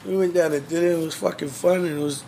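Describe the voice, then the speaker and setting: A man's voice: on the high side, fairly even intonation, fast, creaky, warm tone, slight background noise. A man chatting casually as a guest, laid-back and full of swearing and slang. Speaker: drummer, interview guest. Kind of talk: casual chat.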